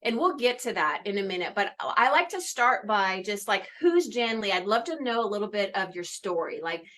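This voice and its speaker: A woman's voice: mid-range voice, very animated, moderate pace, fairly bright tone. A woman hosting a live interview podcast, bubbly and encouraging as she draws out her guest. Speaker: podcast host.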